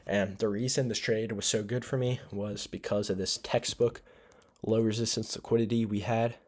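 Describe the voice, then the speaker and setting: A man's voice: lowish voice, fairly even intonation, normal speed. A sleepy young man casually recapping his trades, rambling with lots of fillers and self-corrections. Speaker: trading vlogger. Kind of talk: casual screen-share recap.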